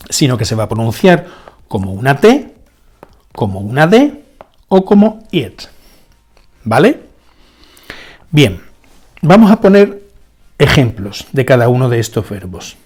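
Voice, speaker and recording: A man teaching a spoken language lesson, going slowly and deliberately, repeating each example word and checking in with rhetorical questions. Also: medium pitch, sing-song, a little mellow. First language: Spanish. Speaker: English teacher.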